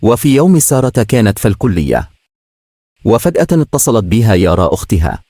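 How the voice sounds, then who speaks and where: Low-voiced Egyptian storyteller. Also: male voice, big pitch swings, a little fast, warm tone, no room sound, clean studio sound. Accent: Egyptian Arabic. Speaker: story reader. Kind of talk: storybook narration.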